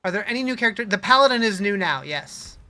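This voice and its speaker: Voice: mid-range voice, lively intonation, fast talker, bright, forceful tone. A game streamer chatting casually and answering viewers' questions in a conversational way. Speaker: livestreamer. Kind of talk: casual live-stream chat while gaming.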